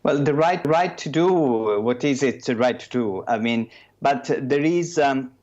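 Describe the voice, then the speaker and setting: Male analyst on a muffled remote link, hesitant, mid-pitched. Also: a little slow, darkish tone. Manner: hesitant, with fillers and restarts. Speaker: sinologist. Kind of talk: remote expert commentary.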